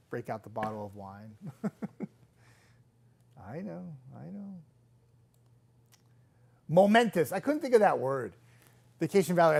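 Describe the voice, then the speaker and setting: A man's voice: mid-range voice, vocal fry, darkish tone. A young man who works as a TV meteorologist, chatting casually on a live stream, self-deprecating and laughing often. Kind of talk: casual live stream chat reading viewer comments.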